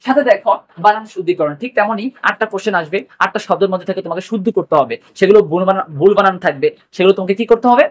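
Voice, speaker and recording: A man with a Bangladeshi accent teaching an exam prep lesson, repeating key points and mixing in English words. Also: high voice. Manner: rapid, repetitive, mixes English words.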